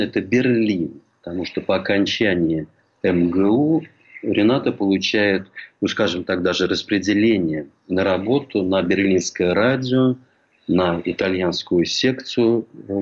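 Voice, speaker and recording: An older man from St. Petersburg telling a measured, reflective memoir as a historian recalling a colleague. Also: low-pitched. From Russia, St. Petersburg. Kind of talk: memoir lecture. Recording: dull lo-fi recording.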